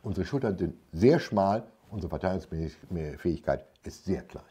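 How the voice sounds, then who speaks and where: A man in his seventies with a very deep, dark voice. He speaks as a political commentator, emphatic and halting, with a husky grain to his tone. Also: animated. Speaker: military commentator, guest. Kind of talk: studio political discussion. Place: indoor studio set.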